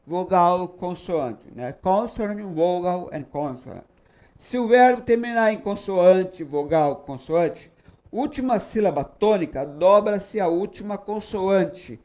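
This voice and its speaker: A man's voice: sits high, darkish tone. A man with a Brazilian Portuguese accent, teaching English grammar and checking in with "tá?" and "ok?". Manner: patient, repeats English examples slowly with checking tags like "tá?" and "ok?". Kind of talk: explanatory grammar lesson.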